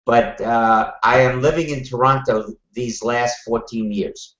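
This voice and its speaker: An older man with a Brooklyn accent speaks as an interview guest, answering conversationally in a wry, deliberate way. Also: mid-range voice, fairly even intonation, a bit bright. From Brooklyn, New York, USA. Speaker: guest, television producer. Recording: roomy, slightly muffled call audio.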